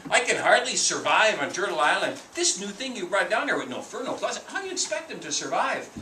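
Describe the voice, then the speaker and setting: A big, pushy bear, as a male storyteller plays him, loud and insistent. The voice has a lively pitch. It is picked up from a distance in a roomy space. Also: brisk, a little hiss or hum, full character voice. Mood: challenging.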